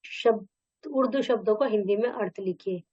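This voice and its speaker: A woman's voice: medium pitch, moderate pace, warm tone, breathy edge, no echo. A woman teacher reading a textbook lesson and its exercises aloud in a plain manner, in a dull, dry recording. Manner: plain read-aloud delivery.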